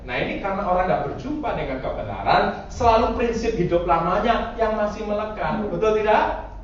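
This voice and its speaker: A male pastor preaches in a high, lively voice and keeps teasing and questioning his congregation. He sounds far from a dull microphone in a very echoey church hall, with faint background noise. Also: fairly quick. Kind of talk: Pentecostal sermon.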